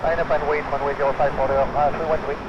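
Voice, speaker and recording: A man's voice: fairly high pitch, level tone, quick pace. Man on a pilot's cockpit headset radio. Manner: terse clipped radio readbacks with brief hesitations. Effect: pilot's cockpit headset voice over aviation radio. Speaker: airline pilot reading back tower clearances. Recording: muffled radio scanner feed under loud noise.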